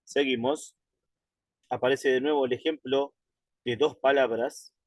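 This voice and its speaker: A man teaching Quran recitation in an online lesson, patient and methodical, checking in with his students and slowing right down to model drawn-out pronunciations. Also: medium pitch, steady tone, a little mellow, dry recording.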